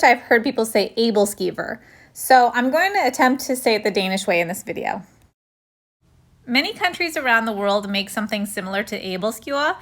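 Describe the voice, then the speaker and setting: A woman's voice: fairly high pitch, fairly bright tone. A woman hosting a home cooking video, talking through a recipe step by step in a casual, friendly way.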